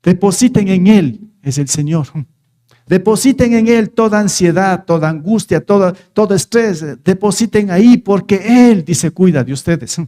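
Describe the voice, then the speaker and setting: Male preacher, high voice, soft mellow tone, chatty sermon delivery with rhetorical questions. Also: lively intonation, moderate pace. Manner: conversational, asks the listeners rhetorical questions; reads scripture aloud and retells it.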